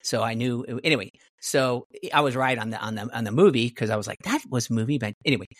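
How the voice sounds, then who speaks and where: A man's voice: mid-range voice, fast talker, a bit bright, no room sound. Rambling middle-aged man telling stories. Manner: rambling, many restarts and fillers. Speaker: guest martial artist. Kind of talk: casual storytelling.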